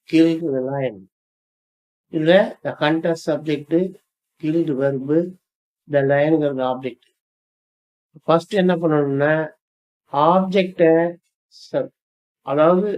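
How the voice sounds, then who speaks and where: Slow, deliberate older Tamil-accented teacher. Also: male voice, a little high, darkish tone, rough recording. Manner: deliberate, spells out example sentences slowly, mixing in English phrases. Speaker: English grammar teacher. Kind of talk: slow explanatory lesson.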